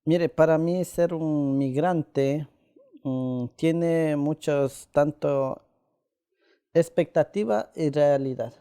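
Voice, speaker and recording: Soft-toned man. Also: on the high side, smooth. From Ecuador. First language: Quichua. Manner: halting, with many pauses and "eh" fillers. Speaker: interviewee. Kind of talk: casual conversation.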